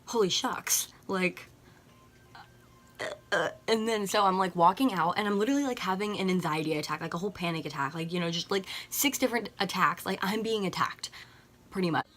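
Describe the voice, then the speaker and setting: A teenage girl vlogger tells a casual storytime, rambling along with slang and constant use of "like." Her voice is fairly low in pitch, a little fast, and fairly bright in tone.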